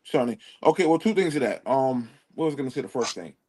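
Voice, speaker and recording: A man's voice: mid-range voice, animated, darkish tone, husky. A man who joins a live online panel as a guest and argues his side, cutting in often and apologizing along the way. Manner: quick to interject, apologetic, then argumentative. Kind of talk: casual debate on a live panel.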